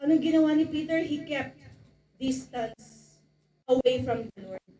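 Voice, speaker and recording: A woman's voice: high voice, animated, a little slow, mellow, roomy sound, low-quality recording. A woman preaching a sermon, mixing English and Filipino, calling for amens from the congregation and acting out quoted exchanges. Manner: acts out quoted exchanges in a raised voice.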